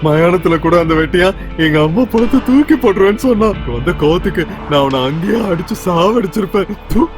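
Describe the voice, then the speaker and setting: A simple-hearted young quarry worker, grieving and tearful, pleading in plain rustic speech with a slightly high voice. Dubbed film dialogue with film score music behind. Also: male voice, lively intonation, a little fast.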